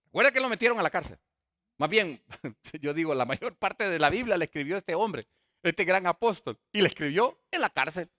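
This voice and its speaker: High, lively-voiced man preaching. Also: normal speed. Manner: animated preaching with rhetorical questions and acted dialogue. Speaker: pastor. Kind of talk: sermon.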